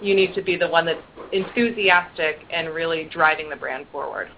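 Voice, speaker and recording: A woman's voice: deep voice, moderate pace. A woman guest on a radio interview, speaking in an upbeat, encouraging way. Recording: phone-like band, faint hiss.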